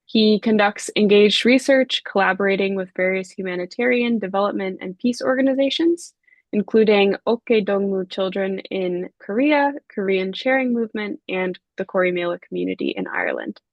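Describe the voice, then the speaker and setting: A woman's voice: mid-range voice, dry recording, lo-fi sound. Woman moderating with a dry close sound. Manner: measured with frequent fillers. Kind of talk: webinar introduction. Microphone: video call.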